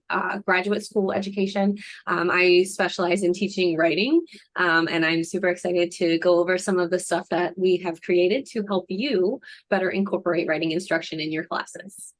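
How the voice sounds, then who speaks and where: A woman introduces herself on a video call in a warm tone with plenty of fillers. Her voice is a little low and sounds dry and close to the mic. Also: no echo. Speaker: customer success specialist.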